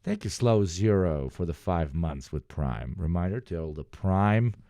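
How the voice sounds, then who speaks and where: Low, mellow-voiced male livestreamer. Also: animated, unhurried, no room sound. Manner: rambling, sardonic, sweary asides. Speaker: livestream host. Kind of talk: casual livestream chat with political commentary.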